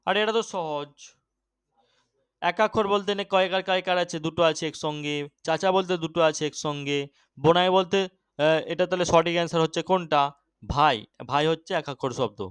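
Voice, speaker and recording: A young man teaching an exam-prep grammar lesson, often checking that students follow and urging them to answer quickly. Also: a little high, a bit bright, smooth, no echo. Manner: keeps checking understanding, urges quick answers.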